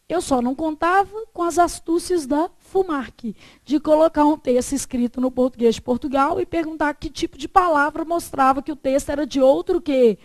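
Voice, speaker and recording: High-pitched woman teaching grammar. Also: no room sound. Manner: poses fill-in questions for students to answer, dictates slowly. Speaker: Portuguese teacher. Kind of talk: classroom grammar lesson.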